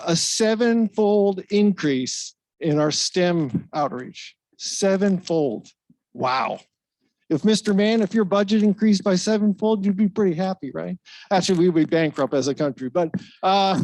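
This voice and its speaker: Man, high-pitched, dry close sound; casual rambling tribute speech, stumbles and chuckles at himself. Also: darkish tone, no room sound. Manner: rambling, self-deprecating, with fillers and laughs. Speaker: speaker at a retirement ceremony. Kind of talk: informal ceremonial speech. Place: event stage.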